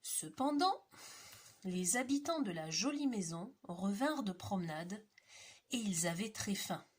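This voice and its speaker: A woman reading a children's storybook aloud, expressive and slow, dropping to dramatic hushes. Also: medium pitch, slightly rough.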